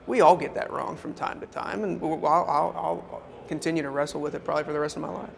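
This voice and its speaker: A man, a state senate leader, answering interview questions in an earnest, halting way with frequent restarts. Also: a little high, steady tone, gravelly. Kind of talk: interview talk.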